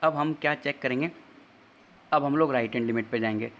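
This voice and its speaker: A man's voice: medium pitch, brisk, a bit bright. A man teaching exam-prep math, working through each step and asking his students rhetorical questions. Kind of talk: exam-prep math lecture in Hindi with English terms.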